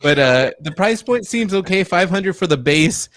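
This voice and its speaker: A laid-back man on a casual gaming podcast who laughs easily as he chats. His voice sits a little high for a man and sounds dry and close, with no room around it. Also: lively intonation, normal speed, a bit bright, no room sound. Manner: laid-back, laughs often, reads out comments. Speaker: podcast co-host. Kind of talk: casual chat.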